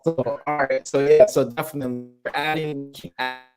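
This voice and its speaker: A man answering interview questions over a video call that breaks up now and then. He talks casually and haltingly, with frequent fillers and restarted phrases. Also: medium pitch, fairly even intonation, over music. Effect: video call audio with dropouts. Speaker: guest, founder of a collectibles project.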